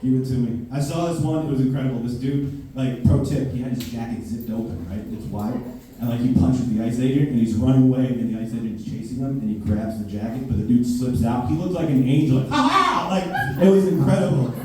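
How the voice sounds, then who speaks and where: A man's voice: mid-range voice, brisk, mellow. A man doing a stand-up comedy set, ranting in a brash, profane manner. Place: basement club room with a live audience. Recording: very echoey basement, mic far off, faint hiss.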